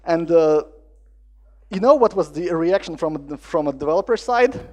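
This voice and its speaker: High-voiced man giving a tech talk. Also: unhurried. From Latvia. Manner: lively storytelling with acted-out dialogue and non-native phrasing. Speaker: conference speaker. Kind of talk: conference talk.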